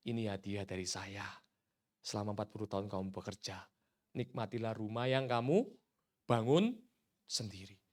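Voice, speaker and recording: A male preacher voicing a kindly company boss in a sermon story, speaking softly and calmly. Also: fairly low pitch, moderate pace, pauses often, voice pushed down, natural voice. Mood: gentle.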